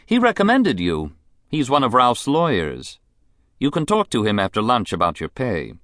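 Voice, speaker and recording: A man reading a novel aloud, voicing a middle-aged rich woman with a clear voice and a bitter, mocking edge. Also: medium pitch, huge pitch swings, moderate pace, a bit bright, dry recording, studio quality, voice pushed up. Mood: brisk. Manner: languid, mocking, contemptuous. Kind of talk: audiobook character voice.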